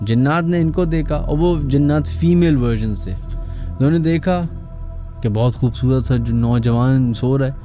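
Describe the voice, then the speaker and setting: Soft music plays behind a man with a Pakistani accent whose mid-range voice has a dark tone and a moderate pace. Hosting a late-night radio show, he tells stories conversationally and muses aloud with rhetorical questions.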